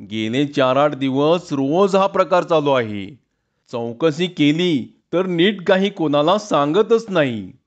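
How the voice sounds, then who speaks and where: A man's voice: on the high side, expressive, slow, muffled recording. A man voicing a gossipy village schoolmaster who recounts the news at length. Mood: telling.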